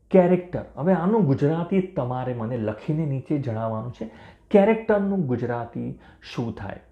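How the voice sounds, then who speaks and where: A man teaching English pronunciation to beginners, spelling out words letter by letter and repeating each one slowly and clearly. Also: fairly high pitch, muffled recording. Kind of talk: language lesson for beginners. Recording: roomy echo.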